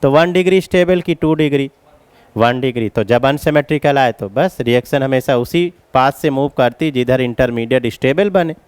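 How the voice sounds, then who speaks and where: A man's voice: medium pitch, moderate pace, smooth, dry recording. A man teaching chemistry as a classroom lecture, explaining each step and calling his students children.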